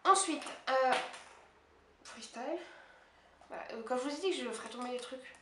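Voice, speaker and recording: A woman beauty vlogger talking quickly and casually at home, chatty and poking fun at herself. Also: sits high, lively intonation. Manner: fast, chatty and self-mocking. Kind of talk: casual monthly favorites haul chat. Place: her apartment. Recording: echoey room with faint hiss.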